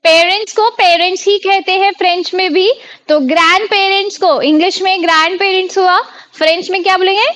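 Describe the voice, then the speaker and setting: A woman's voice: very high-pitched, fairly even intonation, a little fast, fairly bright tone, dry recording. An Indian woman teaching a French class over a video call, quizzing her students and repeating each word. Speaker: online French tutor. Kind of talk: live online class teaching.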